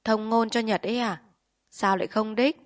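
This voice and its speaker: Landlord's wife, anxious and chatty, played by the narrator. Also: female voice, fairly high pitch, fairly even intonation, moderate pace, natural voice. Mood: worried. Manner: worried, chatty.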